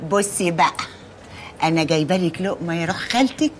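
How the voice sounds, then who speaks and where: An actress playing a pushy, doting middle-aged aunt, talking loud and fast in country slang. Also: female voice, on the low side, expressive, a little hiss or hum, close to an everyday voice. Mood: bossy, doting. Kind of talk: sitcom acting. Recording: TV sitcom audio with music behind.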